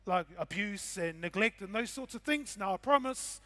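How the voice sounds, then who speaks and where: A man's voice: high-pitched, expressive, normal speed, fairly bright tone. A middle-aged man with a broad New Zealand accent gives an informal, laid-back talk, speaking directly to his audience with Māori words and slang. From Whanganui, New Zealand. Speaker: conference speaker, game developer and hip-hop artist.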